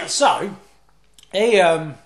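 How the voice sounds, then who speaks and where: A man's voice: high voice, sing-song, drawn-out words. A man, co-hosting a podcast in casual chat, rambling and swearing freely. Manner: rambling, swears a lot, laughs often. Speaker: podcast co-host.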